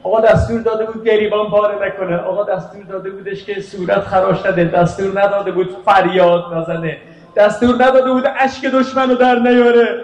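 A man delivering a mourning sermon, narrating in plain speech and breaking into shouted, wailing chant. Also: fairly even intonation. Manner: rises into shouted wailing chant, then drops to low narration. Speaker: eulogist. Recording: echoey, distant mic, faint ambience.

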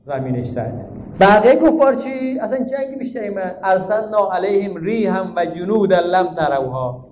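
High-voiced man preaching in an echoey hall. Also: mellow, a little hiss or hum. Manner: rhetorical questions, emphatic teaching tone; recites Arabic verses. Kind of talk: sermon. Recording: dull, echoey hall recording.

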